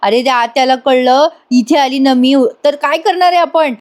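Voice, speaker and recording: A woman voicing a fretful, excitable young man who keeps calling out to his friend. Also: sits high, normal speed, pitched above the performer's own voice, natural voice.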